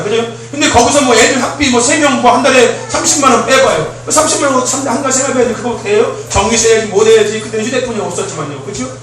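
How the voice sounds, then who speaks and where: A man's voice: very high-pitched, fairly bright tone, slight background noise. A man preaching a sermon in a church, emphatic and often asking the congregation questions. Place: church sanctuary. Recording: very echoey hall, distant mic.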